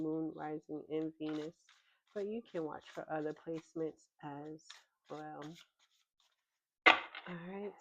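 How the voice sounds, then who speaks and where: A woman giving a casual tarot reading, thinking aloud in an unhurried way with plenty of ums. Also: low-pitched, vocal fry, dark tone. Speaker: tarot reader. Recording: slightly dull lo-fi recording.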